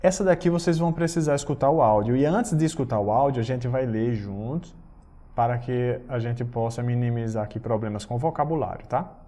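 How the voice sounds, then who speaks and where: A man teaching German, explaining patiently and reading German phrases slowly. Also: mid-range voice, warm tone. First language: Portuguese. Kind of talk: recorded language lesson.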